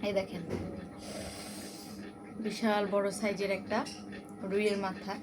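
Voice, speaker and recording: A woman's voice: mid-range voice, flat delivery, a little slow, music in the background. A woman hosting a mukbang, talking casually to viewers while eating, with short phrases and appreciative hums. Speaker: mukbang host. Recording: clear background noise.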